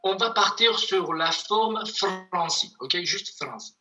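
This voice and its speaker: Slow-speaking, very bright-voiced teacher. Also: medium pitch, lively intonation, low-quality recording. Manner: patient, repeats words slowly for students. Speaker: language teacher. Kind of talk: online language lesson. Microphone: video call.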